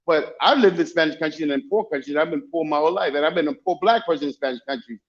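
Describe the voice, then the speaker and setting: A man's voice: on the high side, fast. A man with a Dominican-influenced accent chatting casually and telling stories emphatically, often repeating phrases to make his point. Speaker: guest, travel YouTuber. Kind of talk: casual chat, animated storytelling. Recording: dull lo-fi call audio.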